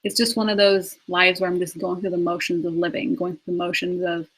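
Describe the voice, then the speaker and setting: This twenty-something life coach has a lowish, fairly bright voice with a level tone and a brisk pace. Hosting a live spirituality Q&A, she talks earnestly, repeating words to stress them, laughing and restarting at times.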